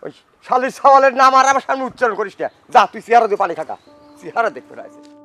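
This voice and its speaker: A man's voice: very high-pitched, animated, quick pace, pushed and bright, no echo, soft background music, full character voice. A man playing a cursing old father-in-law. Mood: angry. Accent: rural Pabna Bengali. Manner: scolding, cursing. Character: angry old father-in-law, short-tempered.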